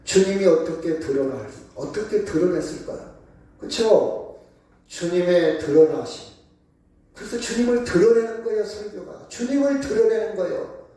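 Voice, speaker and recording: A man's voice: high voice, expressive, moderate pace, dark tone. A man preaching a sermon as pastor in a church, with emphatic call-and-response questions. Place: church sanctuary. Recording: very echoey room, voice from far off.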